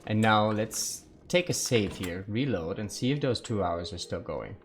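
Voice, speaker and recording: A man's voice: fairly low pitch, lively intonation, moderate pace, soft background music. A man live-streaming a survival game, thinking aloud and chatting casually with his viewers.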